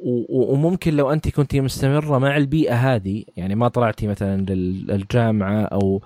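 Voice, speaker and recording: A male podcast host with a soft, mellow voice speaks quickly but keeps breaking off and restarting his sentences. The sound is dry and close. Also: medium pitch, fairly even intonation, dry recording. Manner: hesitant, halting, with many restarts and fillers. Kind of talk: interview questions and summaries.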